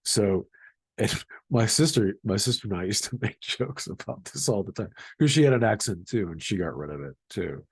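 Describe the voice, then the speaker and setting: A man from the Boston area with an American accent, talking casually and haltingly to camera as he explains something. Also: fairly low pitch, lively intonation, slightly rough, no echo. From Boston area, United States. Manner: halting, repeats words, chuckling. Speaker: vlogger explaining regional accent.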